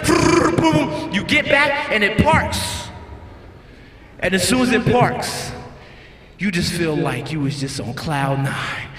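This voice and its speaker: A man telling a funny story on stage, animated, acting out screams and voices. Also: high-pitched, slow pace, slight background noise. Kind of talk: stand-up storytelling. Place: large church hall. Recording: echoey church hall, faint ambience.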